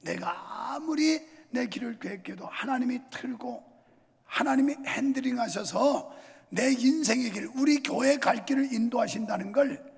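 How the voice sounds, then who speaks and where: An older male pastor preaches with a high, gravelly, husky voice that mixes jokes with fervent calls to the congregation. His words ring out through a large church sanctuary with a long reverb trailing behind them. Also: normal speed. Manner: joking, then fervent exhorting. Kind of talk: sermon.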